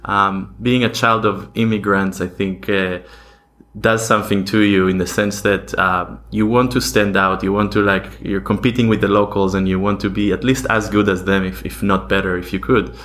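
A man from Argentina, a podcast guest, answering in a thoughtful, steady way with frequent ums. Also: fairly low pitch, normal speed. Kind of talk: interview answers.

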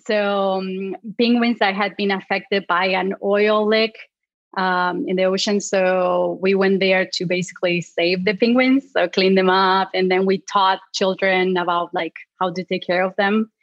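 A clinical psychologist in her thirties from Argentina, a native Spanish speaker, chats casually as a guest in an interview, using lots of fillers and laughing lightly. Her medium-pitched voice is steady and unhurried. The recording has no echo, but the highs are cut off.

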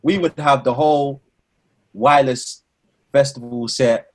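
A man's voice: mid-range voice, fairly even intonation, unhurried, noisy background. A young man with a multicultural London accent, chatting casually in slang with friends. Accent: London, multicultural London English. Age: young adult.

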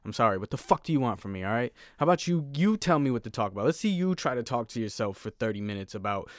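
A man's voice: mid-range voice, sing-song, quick pace, no echo, clean studio sound. A man hosting a solo podcast, telling stories in a rambling, profane, self-deprecating way from home. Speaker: podcast host. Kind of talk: solo casual podcast monologue.

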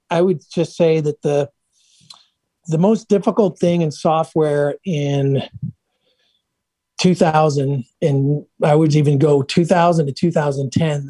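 A man's voice: a little high, warm tone, no room sound. A middle-aged man, a guest in a casual interview, telling upbeat anecdotes about his business career with lots of restarts. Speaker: guest, software entrepreneur.

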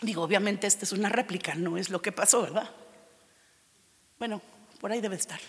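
A woman preaching a sermon, expressive, moving between loud declarations and hushed, intimate tones. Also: mid-range voice, brisk, in a large hall.

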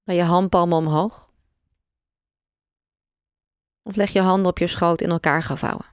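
Calm and gentle, a woman guides a meditation in a somewhat low voice whose tone is clear and resonant. Long pauses fall between her short phrases, and the close, dry recording carries scarcely any room sound.

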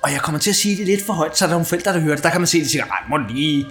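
A man hosting a podcast, telling a crude, animated anecdote in casual comic style. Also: a little high, reverberant, soft background music. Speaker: podcast host. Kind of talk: casual comedic storytelling.

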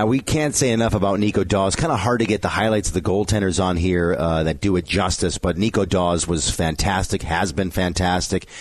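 A male sports show host giving a conversational, somewhat rambling recap of hockey highlights, correcting himself as he goes.

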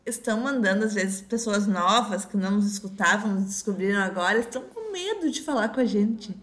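A woman co-hosting a casual podcast chat, lively and teasing, laughing often. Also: medium pitch, fairly quick, echoey room. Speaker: podcast co-host.

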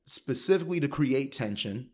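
Male stand-up comic, casual chat, blunt and profane, animated delivery. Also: mid-range voice, moderate pace. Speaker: stand-up comedian.

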